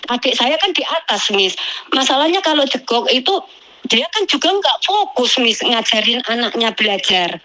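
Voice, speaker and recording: A woman speaks with a high, sharp, bright voice. She tells her story to a host in an animated, aggrieved way and keeps calling the listener "Miss". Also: normal speed, low-quality recording. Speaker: migrant domestic worker telling her story.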